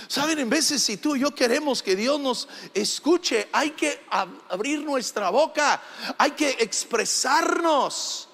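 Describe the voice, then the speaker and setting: A man preaching a sermon, emphatic and sometimes shouting, asking the congregation questions. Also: extremely high pitch, creaky, big-room sound. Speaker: pastor.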